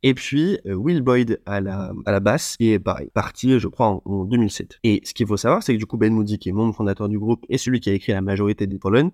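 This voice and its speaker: A man hosts his own podcast alone and speaks without a script. His voice sits fairly low, and he often stops to restart a phrase or fill a pause. The recording is close and dry, with no room sound. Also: a little mellow, dry recording. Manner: hesitant, many fillers and restarts. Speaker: podcast host. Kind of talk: unscripted solo podcast talk.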